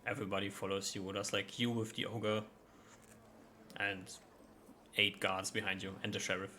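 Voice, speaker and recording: A man's voice: fairly low pitch, little pitch movement, normal speed, pushed and bright. A man casually narrating a tabletop role-playing game as its game master. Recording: faint background noise.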